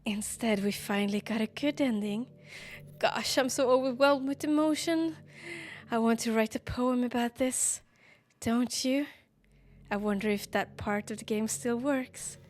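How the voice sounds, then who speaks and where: A woman reads aloud as a lovestruck, self-aware teenage game girl, soft, earnest, and affectionate in her devotion. Her natural voice sits a little high, stays tender throughout, and moves a little slowly.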